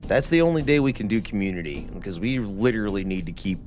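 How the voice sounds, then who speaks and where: Man, stream host, low-ish voice, rambling casual chat, faint game music behind. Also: lively intonation, quick pace, darkish tone. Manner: rambling, laughs often, drawling asides.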